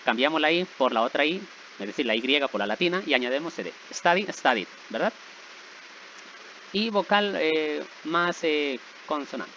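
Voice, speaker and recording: A man's voice: on the high side, animated, moderate pace, pushed and bright, slight background noise. Patient man teaching, slightly dull recording. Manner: patient, repeats checks like "¿verdad?" and "¿sí?". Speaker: English teacher. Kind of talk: explaining grammar rules.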